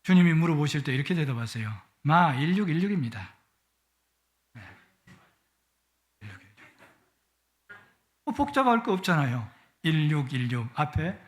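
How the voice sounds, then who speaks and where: A middle-aged man preaching a Sunday sermon in a church, with a playful manner that swells with emotion. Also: fairly high pitch. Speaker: guest pastor. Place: church sanctuary.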